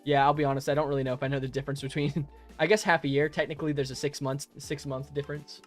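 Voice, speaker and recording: Over faint background music, a young adult live streamer answers chat while he plays, talking quickly in a fairly high, flat voice. He's friendly and rambling, with frequent laughs and restarts, and uses a modest home microphone.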